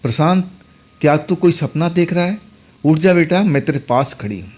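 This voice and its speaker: A man's voice: on the high side, expressive, normal speed, darkish tone, pitched above the performer's own voice. A man voicing a worried village mother who pleads with her feverish son. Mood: anxious. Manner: anxious, pleading.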